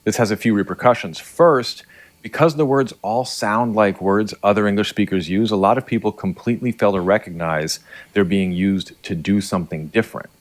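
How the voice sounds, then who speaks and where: A man's voice: fairly low pitch, normal speed. A man giving scripted educational narration as a linguistics explainer, articulate and academic, dropping in dialect examples.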